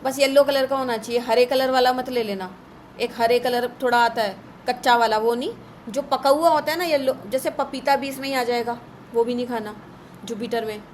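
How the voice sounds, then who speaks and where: A woman teaching an astrology class in a live online session, brisk and a little scolding as she runs through lists. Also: fairly high pitch, slight background noise, poor audio.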